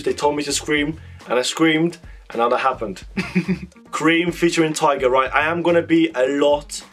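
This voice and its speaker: Still hoarse, his voice worn out from screaming, the young music reaction vlogger talks eagerly to his webcam from a small bedroom, his pitch fairly high. He peppers his casual chat with "like" and little giggles while the track plays quietly behind him.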